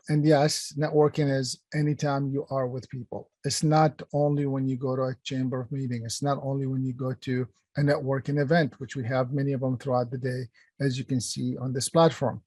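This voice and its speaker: A man's voice: medium pitch, little pitch movement, a little fast, a little mellow, no room sound. Middle-aged man presenting an online workshop. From Palestine, raised in Kuwait. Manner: conversational, many fillers and restarts, addresses chat. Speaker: workshop presenter, company founder.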